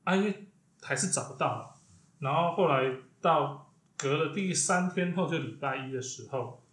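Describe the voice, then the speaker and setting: A man, a diviner hosting a podcast, telling a story in an animated, casual way. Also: a little high, normal speed, reverberant. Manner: animated, lively retelling with quoted exclamations.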